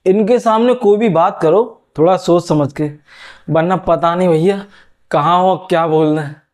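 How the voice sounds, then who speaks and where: A man's voice: high-pitched, moderate pace, darkish tone. A man doing chatty stand-up storytelling, talking straight to the audience. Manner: chatty, addresses audience as brother. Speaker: stand-up comedian.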